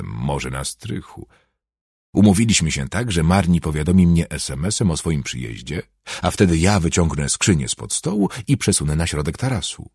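Brief: reflective male storyteller, deep, dry close sound. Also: a little mellow, husky, no room sound. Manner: reflective, first-person storytelling. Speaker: narrator. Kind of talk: audiobook narration.

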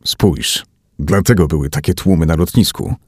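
A man voicing a terrified, heavyset captive who shouts and begs in a slurred voice. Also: extremely low pitch, moderate pace, breathy edge, no echo, studio quality, voice pushed down. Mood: calm.

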